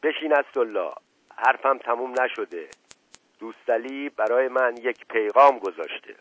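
A stern, domineering older uncle, as a male reader puts him on, issuing commands and harsh rebukes. The voice sits at a middle pitch, dry and close-miked, in a storybook telling. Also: fairly bright tone, dry recording, lo-fi sound, natural voice.

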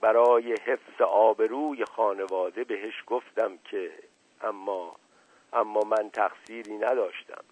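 A man's voice: lowish voice, fairly even intonation, breathy edge. A man voicing a self-pitying bedridden older man who groans and pleads, on a storybook radio reading. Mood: groaning. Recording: tinny phone-like old radio broadcast.

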